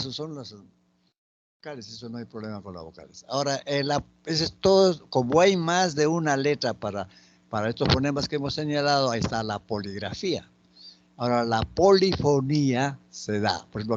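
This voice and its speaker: Slow, patient Spanish teacher, man. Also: medium pitch, dull audio, slight background noise. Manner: slow, patient, spelling out example words. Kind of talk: spoken grammar lesson.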